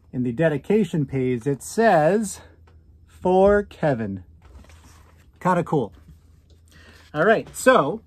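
An American man in his thirties with a voice on the high side reads a picture book aloud to children in a small indoor room at home. He comments and asks questions along the way, drawing out key words for emphasis.

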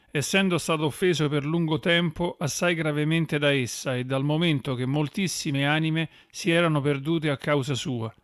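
A man narrating a religious audiobook in a measured, solemn way. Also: on the high side, clear, resonant tone, no room sound, studio quality.

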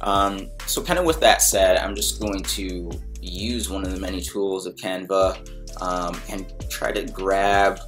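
Low-voiced guy from barbados doing a laid-back screen tutorial, lots of ums, faint music behind. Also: unhurried. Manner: relaxed, full of ums and restarts. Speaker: music producer giving a tutorial. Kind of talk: casual screen-recorded tutorial.

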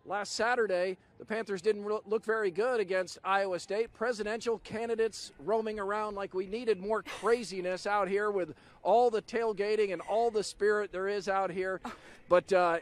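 A man with a fairly high voice delivers a live sports field report. His tone is upbeat and wry, and he speaks into a handheld mic outdoors.

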